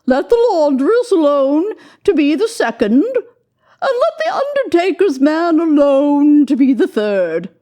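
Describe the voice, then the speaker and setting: Brash charwoman, high and loud. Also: sing-song, unhurried. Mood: gleeful, bold. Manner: flaunting, bold, exclaiming. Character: brash, defiant charwoman with a scheming glee.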